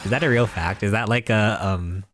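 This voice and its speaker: A man's voice: on the low side, normal speed, a bit bright, slight background noise. A man in his twenties chatting casually on a live stream while he games, rambling in a mock-serious, joking way and chuckling often. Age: 20s.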